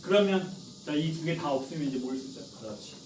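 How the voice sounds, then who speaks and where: A man's voice: fairly high pitch, fairly quick, a little mellow, slight background noise. A man in his forties teaching a class in a classroom, chatty, often asking students questions and answering them himself. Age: 40s. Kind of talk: classroom lecture. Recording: echoey classroom from far off.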